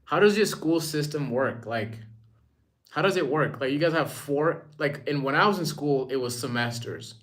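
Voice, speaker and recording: A young Rwandan man chats casually with his live-stream audience, slipping into slang and repeating himself often. His voice sits fairly high, a bit bright, at a normal speed.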